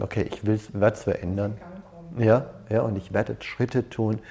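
This seminar leader has a fairly low, warm voice. His talk is relaxed and conversational, sprinkled with personal anecdotes and frequent quick tag questions.

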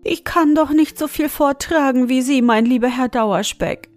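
A woman's voice: high-pitched, moderate pace, faint music behind, pitched above the performer's own voice, natural voice. A woman voicing a whiny, hungry female mouse who pleads and wails in a storybook reading. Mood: pleading. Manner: wailing, pleading and sobbing.

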